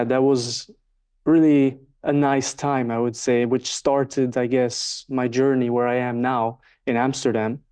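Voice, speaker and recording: A Swiss man in his twenties, a native Swiss German speaker working in market research, is a guest in a casual interview. His medium-pitched voice is dark, clear and resonant, and he answers thoughtfully with many fillers.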